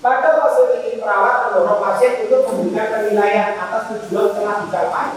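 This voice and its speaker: A man, a student teacher giving an animated classroom lesson and acting out short nurse-patient exchanges. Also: high-pitched, a little fast. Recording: echoey classroom from far off.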